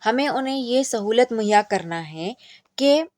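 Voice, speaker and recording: A woman teacher educator lecturing on a syllabus, reading each English point slowly and then explaining it at length in Hindi mixed with Urdu words. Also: a little high, lively intonation, a little mellow, no room sound.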